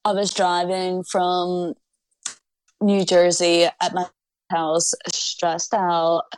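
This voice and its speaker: Slow-talking young woman from Ukraine. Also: on the low side, completely flat delivery. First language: Russian. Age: 20s. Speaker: interviewee, student. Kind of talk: casual chat.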